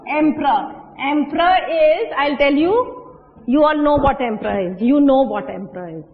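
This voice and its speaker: A woman's voice: high voice, moderate pace. A woman with an Indian English accent teaching a classroom English lesson, patiently asking questions and repeating words. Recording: dull, lo-fi audio with long reverb.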